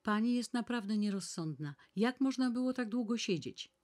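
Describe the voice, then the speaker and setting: A woman reading aloud voices a brisk, fussy young housemaid who chatters and scolds. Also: low-pitched, very animated, heavily acted. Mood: scolding.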